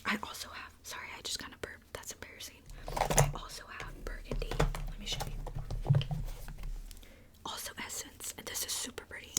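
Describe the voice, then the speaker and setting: A young woman whispers casually through an ASMR makeup routine close to a handheld camera mic. She speaks at normal speed with long pauses, chatty and full of little "likes" and asides.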